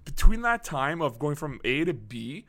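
Male podcast host, slightly high, bright voice; animated, profane storyteller. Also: moderate pace. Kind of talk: casual podcast chat.

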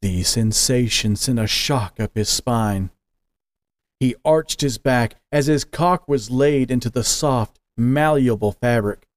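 A man narrating an audio story in a slow, measured, deliberate way. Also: mid-range voice, dry recording.

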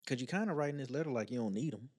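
A man's voice: medium pitch, lively intonation, rapid-fire, a little mellow, breathy edge. A man co-hosting a casual advice podcast, joking in a teasing, playfully petty way. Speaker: podcast co-host giving advice. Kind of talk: casual chat.

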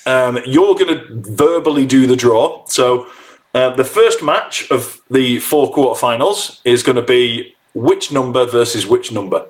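A man's voice: mid-range voice, animated, unhurried. A man hosting a casual podcast, bantering in a teasing, gloating, jokey way. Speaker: podcast host.

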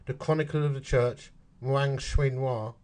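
A man's voice: medium pitch, steady tone, unhurried, darkish tone. A man with an Essex accent reading a history article aloud, stopping for chatty asides and working out dates and numbers as he goes. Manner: chatty, works figures out aloud.

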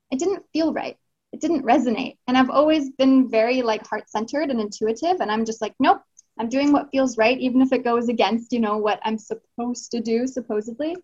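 Woman guest, heartfelt and rambling, slightly high voice, dull lo-fi line. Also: darkish tone. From Canada. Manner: earnest, heartfelt, many fillers and restarts. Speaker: guest, Tantra teacher. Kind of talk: casual podcast interview.

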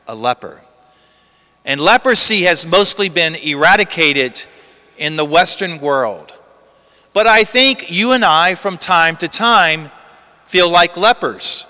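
An American priest reads the gospel and delivers an earnest, story-driven homily in a large church, where a long cathedral reverb follows his voice. His tone is fairly high, pushed and bright, yet clear and resonant.

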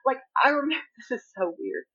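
A woman's voice: high-pitched, animated, fairly quick, a bit bright, highs cut off. A woman with a Southern accent from Appalachia, a writer telling stories in a casual conversation with many restarts and laughs. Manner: chatty storyteller, laughs often, many restarts. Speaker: guest writer.

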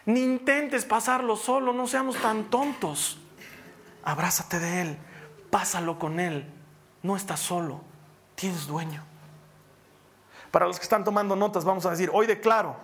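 High-voiced Bolivian pastor preaching. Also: male voice, a little hiss or hum. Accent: Bolivian Spanish. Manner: swings between loud exhortation and soft hushed tones. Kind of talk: sermon.

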